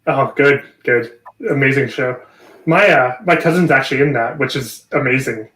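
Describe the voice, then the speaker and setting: A man with a Canadian accent chats warmly on a livestream, explaining his workflow. His call audio carries a noticeable room echo. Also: medium pitch, normal speed. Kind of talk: casual livestream chat. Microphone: video call.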